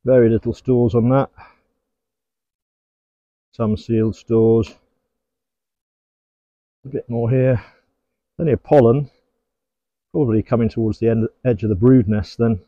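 A man's voice: mid-range voice, steady tone, measured pace, pauses often, dry recording, lo-fi sound. A middle-aged man working at his beehives outdoors in a garden apiary, giving easygoing running commentary and talking fondly to the bees. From England. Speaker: beekeeper. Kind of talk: hands-on commentary while working.

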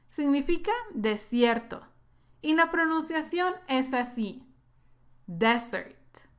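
Woman, English teacher, pronunciation drill, slow deliberate delivery, repeats each word. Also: high-pitched, a bit bright. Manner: slow, careful drilling of words twice. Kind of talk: pronunciation lesson.

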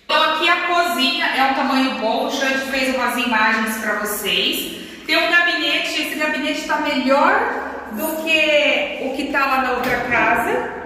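A chatty woman leads a room-by-room tour of an empty house. Her high, bright voice booms and trails off the bare walls, and the long reverb makes the space sound hollow. She stands well back from the camera, and faint hiss sits under the recording. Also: animated, a little slow. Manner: chatty, guiding viewers room by room. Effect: strong echo bouncing off bare walls. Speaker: vlog host. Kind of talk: casual house-tour vlog. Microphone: camera held by another person some distance away. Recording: booming echo, long reverb, distant from the mic, faint hiss.

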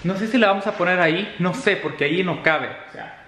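A young man, chatting casually in a home vlog and swinging between shouts and soft whispers. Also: high-pitched, a little fast. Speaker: vlogger. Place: home, indoors. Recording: echoey room, faint noise.

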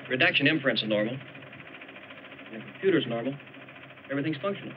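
Actor playing a male technician, quick clipped reports, lo-fi old film sound, faint hiss. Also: medium pitch, expressive, close to an everyday voice. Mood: businesslike. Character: brisk male technician reading status reports.

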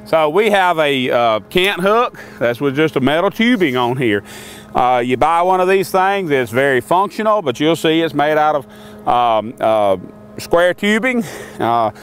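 Older man, folksy and rambling, slightly high voice, outdoor demo, filmed from a few meters. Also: expressive, unhurried, slight background noise. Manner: folksy, rambling, with many fillers. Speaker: sawmill equipment maker demonstrating tools. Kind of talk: casual product demonstration. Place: outdoors by a sawmill and in a wooded lot.

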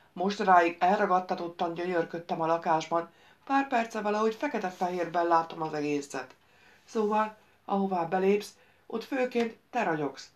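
A woman's voice: mid-range voice, natural voice. A woman reading a playful, teasing young woman.

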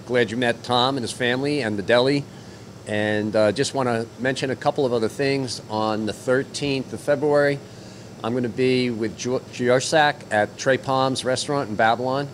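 A man's voice: medium pitch, steady tone, normal speed, slight background noise. An older man hosting a fishing report on location, chatting casually with many fillers into a handheld mic. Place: outdoors at docks, then inside a deli.

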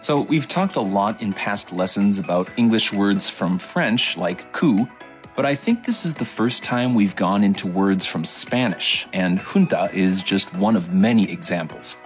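Slow-spoken low-voiced man explaining. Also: expressive, soft background music. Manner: explanatory, unhurried. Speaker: co-host teacher. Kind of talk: scripted lesson explanation.

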